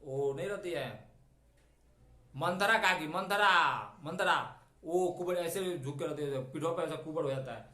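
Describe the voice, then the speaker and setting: A middle-aged man teaching an English vocabulary lesson in a chatty, digressive way, stretching out key words slowly. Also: a little high, darkish tone. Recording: echoey room.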